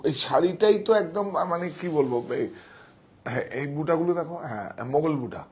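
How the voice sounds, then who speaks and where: A man showing sarees in a live sales pitch, talking excitedly, repeating himself and directing helpers. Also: a little fast. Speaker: saree shop seller.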